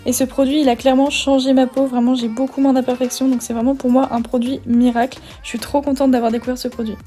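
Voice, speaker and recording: Young woman beauty vlogger, chatty and upbeat, mellow voice, voice-over with faint music. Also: high voice, flat delivery, fast talker. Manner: chatty, enthusiastic product commentary. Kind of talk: get-ready-with-me voice-over.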